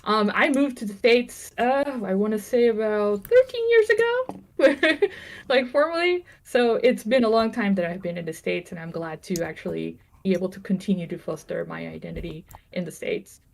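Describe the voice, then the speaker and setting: A woman's voice: medium pitch, very animated, moderate pace, creaky. A woman in her thirties from Venezuela, a game developer chatting casually on a livestream, laughing often and joking about herself.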